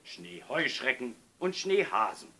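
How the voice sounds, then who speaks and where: A man's voice: mid-range voice, sing-song, a little slow, bright, forceful tone, husky, heavily acted. A man voicing a fat, cheerful male snowman presenting a children's TV show in a chatty announcer tone. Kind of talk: storybook reading.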